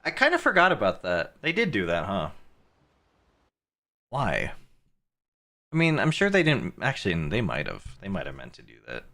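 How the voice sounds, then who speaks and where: A man's voice: on the low side, wildly swooping pitch, moderate pace, pauses often, pushed and bright. A man streaming live, reacting to clips with crude jokes and frequent laughter. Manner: crude, joking, laughs often. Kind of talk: casual live-stream commentary.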